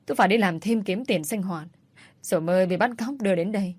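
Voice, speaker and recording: A woman voicing a stubborn, crafty young woman who pleads and sulks in a quick, whiny way. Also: mid-range voice, husky, no echo, lightly acted.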